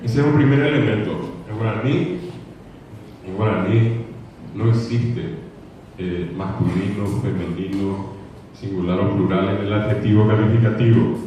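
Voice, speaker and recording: A man's voice: fairly low pitch, a little slow, warm tone, slight background noise. A man with a Paraguayan Spanish accent giving an earnest, repetitive conference lecture, now and then mimicking how children mispronounce words. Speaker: congress speaker. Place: lecture hall. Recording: echoey hall from far off, dull.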